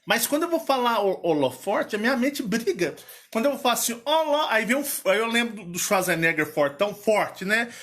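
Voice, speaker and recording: A man from Minas Gerais with a Minas Gerais accent, hosting a casual chat in an animated, playful, rambling way. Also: high-pitched, fairly quick. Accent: Minas Gerais Portuguese. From Minas Gerais, Brazil. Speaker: channel host.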